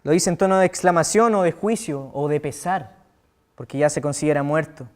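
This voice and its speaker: A young man with a Chilean accent preaches to a youth group in a high, light voice. He talks animatedly, switching between loud acted-out quotes and hushed asides. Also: brisk. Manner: animated, acts out quotes with sudden loud outbursts and quiet asides. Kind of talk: sermon.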